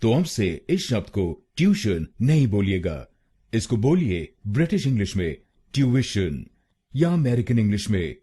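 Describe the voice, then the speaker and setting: Male Indian pronunciation tutor, lively pitch, drills words syllable by syllable. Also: husky. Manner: slow, deliberate, repeating words syllable by syllable. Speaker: pronunciation teacher. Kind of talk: Hindi pronunciation lesson.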